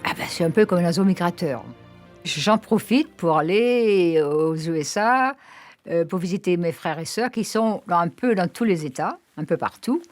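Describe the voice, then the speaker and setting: Chatty woman with a lowish voice. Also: lively intonation, moderate pace, no room sound, soft background music. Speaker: interviewee. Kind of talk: interview.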